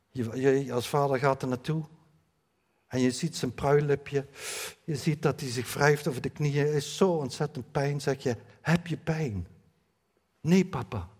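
A man's voice: medium pitch, darkish tone, husky. A middle-aged man, a pastor giving a sermon, talking to his congregation in a direct, conversational way. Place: church. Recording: long hall reverb.

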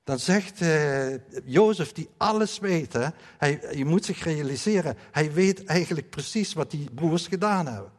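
A man's voice: fairly high pitch, animated, measured pace, few pauses. A middle-aged man, a pastor giving a sermon, talking to his congregation in a direct, conversational way. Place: church. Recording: long hall reverb.

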